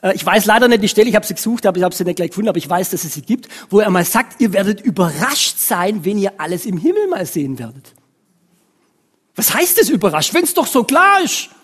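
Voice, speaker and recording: A woman's voice: medium pitch, sing-song, fast talker, husky. A woman, preaching a sermon in a conversational way with frequent questions to the congregation. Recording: long reverb of a hall.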